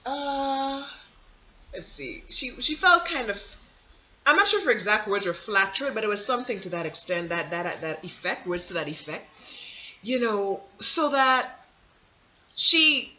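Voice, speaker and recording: A vlogger rambles through a casual monologue, restarting sentences and breaking into emphatic, preachy slang. The voice is very bright and sharp. The audio sounds dull and lo-fi. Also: mid-range voice, expressive, unhurried. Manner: rambling and digressive, with many restarts and asides.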